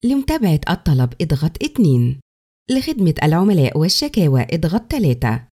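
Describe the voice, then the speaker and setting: An Egyptian woman speaks as the recorded customer service voice of a phone menu. Her tone is mellow and relaxed, with lively melodic movement in the pitch. The delivery is scripted, polite and formal, captured close and dry. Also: brisk, no room sound.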